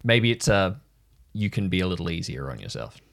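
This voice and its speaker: In this improvised audio drama, a man voices a kind, thoughtful and slightly awkward counselling acquaintance, using a low, creaky voice with big pitch swings, a slightly fast pace and heavy acting. He gropes hesitantly for his words, his mood tentative and reassuring.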